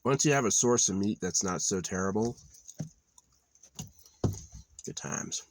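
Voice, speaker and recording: A vlogger with a low voice rambles offhand in a casual monologue at a quiet wooded campsite outdoors. He meanders a little slowly, trailing off with filler, and the background is noisy.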